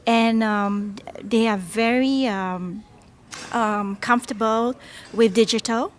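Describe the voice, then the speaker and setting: A woman from Singapore answering interview questions as an advertising judge, speaking deliberately and pausing often with fillers. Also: on the high side, fairly even intonation, a little hiss or hum. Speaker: advertising institute vice president, judge.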